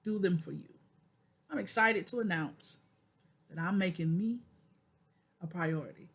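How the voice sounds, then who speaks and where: Her pitch sits fairly low, with a breathy edge and a slightly slow delivery. She is a woman in her forties making a personal video diary, speaking to "y'all" with preacherly earnestness and emphatic repetition.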